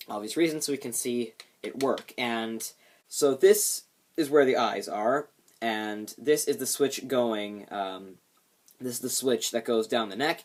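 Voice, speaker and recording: A man giving a casual hands-on demonstration of a homemade build, explaining it with light self-deprecation. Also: mid-range voice.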